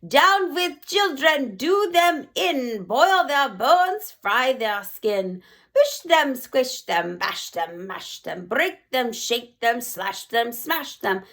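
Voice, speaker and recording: A gloating evil old witch queen, put on by a woman reading a storybook aloud, shouts her wicked plans in broken grammar. Her voice sits high and leaps all over. She rants slowly, relishing every word. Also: big pitch swings, heavily acted. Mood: gloating chant. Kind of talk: read-aloud children's book.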